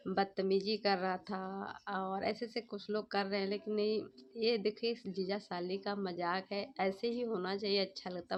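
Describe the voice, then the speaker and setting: A woman vlogger giving casual, opinionated commentary on other vloggers' videos, chatty and repeating her points. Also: mid-range voice. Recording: dull lo-fi sound with faint background hum.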